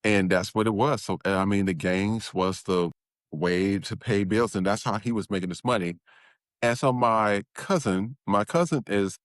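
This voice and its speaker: A man as an interview guest, candidly recounting his childhood with halting restarts and acted-out quotes. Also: fairly low pitch, dry recording, clean studio sound. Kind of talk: personal storytelling interview.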